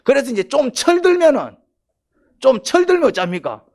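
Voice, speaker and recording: 경상도 사투리로 설교하는 남성 목사로, 조용하게 말하다가도 크게 힘주어 외치며 강조합니다. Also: male voice, very high-pitched, big pitch swings, moderate pace, creaky. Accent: Gyeongsang Korean. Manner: dialect-heavy, emphatic, swings from quiet to loud. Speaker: pastor. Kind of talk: sermon.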